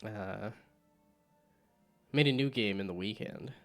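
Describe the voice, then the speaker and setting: A man's voice: on the low side, takes it slowly, faint music behind. A man streaming a game, chatting casually, laughing often and reading the game's text aloud.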